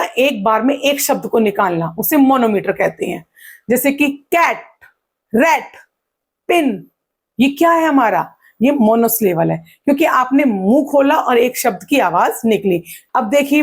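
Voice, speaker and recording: Slow, breathy woman teaching. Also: on the high side. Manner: repeats her own questions and answers them; claps and stretches words out slowly to show syllables. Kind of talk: exam-prep lesson.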